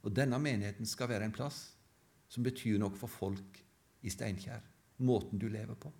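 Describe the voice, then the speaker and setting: A man's voice: fairly low pitch, gravelly, darkish tone. A man preaching a sermon in church, emphatic and building his points through repeated phrases.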